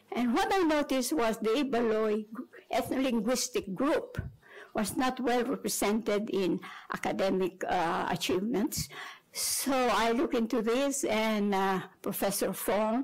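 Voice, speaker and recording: An older woman with a Filipino accent, giving a measured academic lecture at a conference with personal asides. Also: mid-range voice, low-quality recording. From Philippines. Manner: measured, digressive delivery with asides. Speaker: conference speaker.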